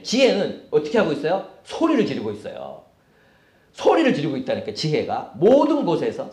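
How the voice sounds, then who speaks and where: A man's voice: on the high side, darkish tone. A Korean man, a pastor, preaching a sermon, asking the congregation questions and reading scripture aloud. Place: church sanctuary. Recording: echoey church hall.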